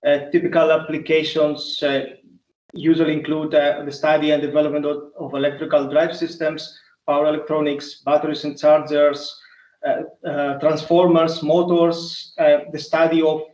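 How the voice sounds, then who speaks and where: Male application engineer presenting over a video call; polite and halting, in a roomy, muffled room sound. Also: fairly high pitch, level tone, a little mellow, recorded from a distance. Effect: video call audio.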